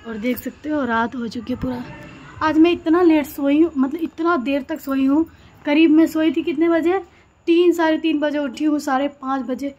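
At a normal pace, a woman with a high, steady, darkish voice chats to the camera and rambles around her small home, from room to kitchen to balcony. This housewife vlogger records on a phone at arm's length, and clear household noise fills the background.

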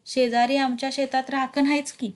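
Storybook role: gentle elderly village man, read by a woman, soothing and slow. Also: high-pitched, little pitch movement, close to an everyday voice. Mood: consoling. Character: old male village elder, gentle and consoling.

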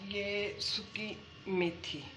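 A woman's voice: medium pitch, fairly even intonation, extremely slow, a bit bright, slight background noise. A woman from Punjab, the host's mother, demonstrating a home recipe step by step and often checking in with "theek hai". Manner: explains step by step, keeps adding "theek hai" and "haan ji". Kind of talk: homely cooking demonstration.

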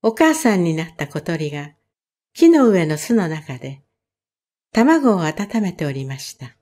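A woman reading a children's story aloud in a calm, measured way. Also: lowish voice. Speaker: reader. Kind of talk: storybook narration.

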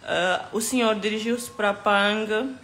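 A woman's voice: medium pitch, fairly even intonation, slow pace, a bit bright, slight background noise. Woman telling a story to camera. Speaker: vlogger recounting an incident.

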